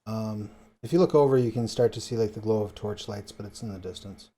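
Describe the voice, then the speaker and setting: A man narrating as game master of a tabletop game, relaxed and hesitant, with many fillers. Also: fairly low pitch, brisk.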